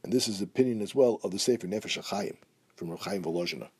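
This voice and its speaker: Fast-talking husky man teaching halacha. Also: fairly low pitch, a little mellow. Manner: reads Hebrew and Aramaic quotes, then explains in English. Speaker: Torah teacher. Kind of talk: halacha class, reading and translating texts.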